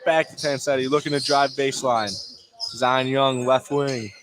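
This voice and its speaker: This is live sports radio commentary from an indoor high school basketball game, where a man with a steady, fairly bright mid-range voice delivers a clipped running call in short phrases at a moderate pace. The recording clearly picks up the gym's ambient noise.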